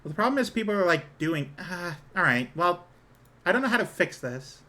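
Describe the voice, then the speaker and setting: A woman with a low-set feminine voice chatting casually on a livestream, hesitant, apologetic and self-conscious in her manner. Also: very animated, fairly quick, a bit bright. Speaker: live streamer.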